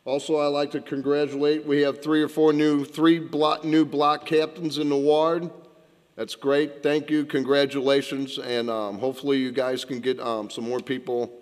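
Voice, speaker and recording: A man's voice: fairly high pitch, flat delivery, moderate pace. A middle-aged man giving a council member's report at a meeting into a desk mic, plainspoken and repeating his points for emphasis. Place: city council chamber. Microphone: desk gooseneck mic. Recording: reverberant council chamber.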